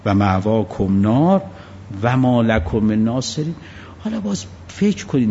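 A man preaching a sermon, telling stories in a lively way with sudden changes of tone and pace. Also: medium pitch. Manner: lively storytelling with shifts of tone and pace. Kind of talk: religious sermon. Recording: long-reverb hall, dull lo-fi sound, faint noise.

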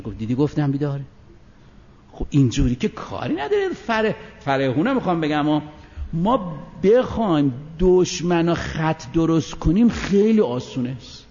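Man preaching, lively swooping pitch, rhetorical questions, long hall reverb, muffled sound. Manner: animated, rhetorical questions, swings between loud and soft. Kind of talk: Quranic exegesis lecture.

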